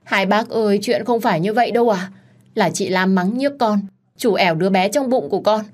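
A woman's voice: on the low side, normal speed, slightly rough. A woman voicing a scheming pregnant young woman in her twenties who pleads in a trembling voice. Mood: pleading. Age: 20s.

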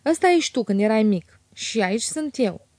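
A woman voicing a lively, teasing young woman in an audiobook, her tone lifted and bright with chatter. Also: fairly high pitch, no room sound, studio quality. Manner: bright, teasing, quick to laugh.

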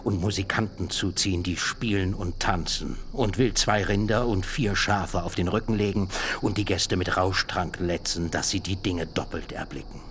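In a German radio drama, an actor plays a scheming, self-important older uncle with a very deep voice and slow, heavy delivery. Boastful, he haggles and turns solemn, swinging between loud speech and whispers, while crickets chirp faintly at night amid slight background noise.

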